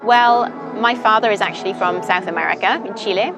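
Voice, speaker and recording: Over background music on a low-quality recording, a young woman from Britain talks a little fast in a mid-range voice. She's a thoughtful interview guest in a casual chat, using lots of "um" and "you know."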